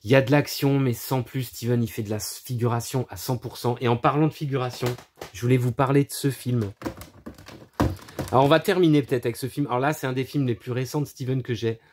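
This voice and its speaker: There's slight background noise as a man with a medium-pitched voice talks briskly and casually about his film collection. Expect profanity, crude mockery, lots of laughs and animated side comments.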